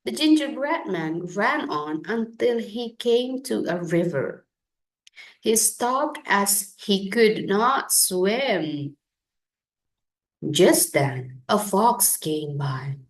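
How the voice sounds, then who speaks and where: In a medium-pitched voice, a woman reads aloud from a children's picture book with a deliberate and expressive storyteller's delivery.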